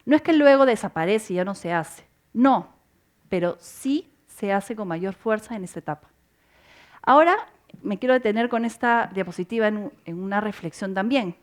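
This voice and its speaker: A woman's voice: mid-range voice, moderate pace, darkish tone. Woman presenting slides at a conference. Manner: explanatory, rhetorical questions, some restarts. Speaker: conference speaker. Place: conference hall.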